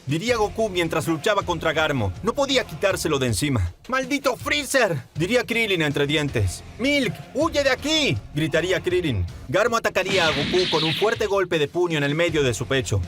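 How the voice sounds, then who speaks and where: Man, narrator, fairly high voice, steady dramatic storytelling, faint background music. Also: brisk, hardly any pauses.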